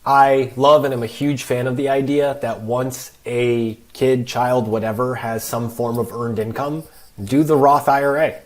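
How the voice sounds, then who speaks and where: Podcast guest: financial advisor, man, mid-pitched voice, emphatic and explanatory. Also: fairly even intonation, measured pace. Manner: emphatic, explains with worked examples. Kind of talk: podcast conversation.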